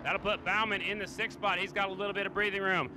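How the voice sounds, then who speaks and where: A man calling a live motorcycle race as track announcer in short, punchy, excited phrases. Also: high voice, quick pace. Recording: loud engine and outdoor noise. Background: motorcycle race track ambience.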